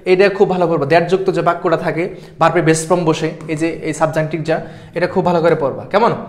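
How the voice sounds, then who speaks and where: A man's voice: a little high, steady tone, fast talker. A young man tutoring for an admission exam in a live class lecture, repeating points emphatically and often checking that students follow. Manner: repetitive, emphatic, keeps checking understanding.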